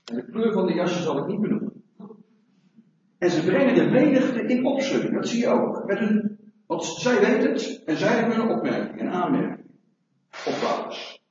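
A middle-aged man preaches with a high, lively voice that swings up and down, often pausing to ask his congregation questions. He sounds distant and muffled, with heavy echo from a large hall. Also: a little hiss or hum. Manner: animated, rhetorical questions to the congregation. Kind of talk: sermon. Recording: echoey hall, mic far off, dull sound.

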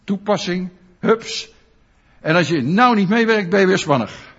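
A man preaching a sermon, animated and often putting questions to his listeners. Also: high voice, unhurried, slightly rough. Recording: dull lo-fi sound.

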